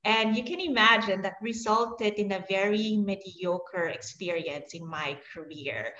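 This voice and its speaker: A woman's voice: mid-range voice, unhurried, sharp tone, slight background noise. A woman from Switzerland with Swiss German as her first language, talking as a guest about her career in an open, reflective way. The sound is roomy and somewhat dull, as from a remote recording. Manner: open and reflective, laughs often, many fillers. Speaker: guest, high-performance coach. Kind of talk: conversational interview.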